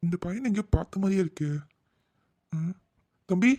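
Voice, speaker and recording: A man voicing a fussy, wary older father-in-law in a cartoon, questioning slowly and with puzzlement. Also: high-pitched, warm tone, dry recording. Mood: puzzled.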